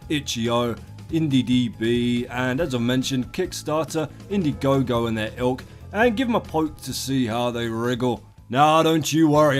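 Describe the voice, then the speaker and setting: A British man hosts comedic game commentary in a medium-pitched voice. His delivery is irreverent and theatrical, full of colloquial swearing and mock-grand flourishes. Music plays faintly behind him. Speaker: gaming video host. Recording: voice over a music bed.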